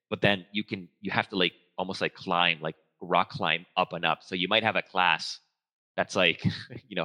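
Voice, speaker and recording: Speaking in a casual stage talk, a low-pitched man from Venezuela, a guest speaker who trains researchers and grew up speaking Spanish, sounds bright and forceful. His rambling style is thick with fillers, restarts and quick fixes to what he just said.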